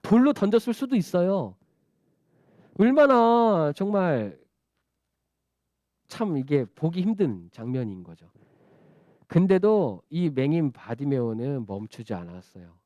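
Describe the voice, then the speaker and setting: Children's preacher, high lively voice, mellow tone, dry close sound. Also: male voice, unhurried, pauses often, no echo. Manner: animated, asking the children questions. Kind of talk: storytelling sermon for children.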